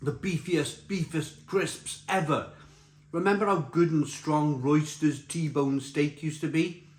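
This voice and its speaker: A middle-aged British man giving a casual, chatty crisp review while tasting and eating, repeating phrases for emphasis. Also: on the high side, slow pace. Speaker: snack reviewer. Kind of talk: casual spoken review to camera. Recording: roomy echo, faint background noise.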